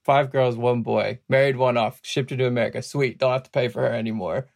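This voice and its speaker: A man's voice: medium pitch, fairly even intonation, a little fast, creaky, a little mellow, dry recording. A man talking as a guest from his home office, telling wry, self-deprecating stories in a casual interview. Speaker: guest advisor.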